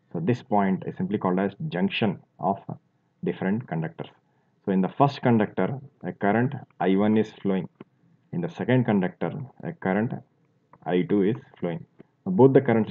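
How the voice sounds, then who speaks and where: A man teaching a physics lesson, explaining step by step as he draws, with fillers and restarts. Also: lowish voice. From India. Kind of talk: classroom lecture while drawing. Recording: tinny phone-like audio.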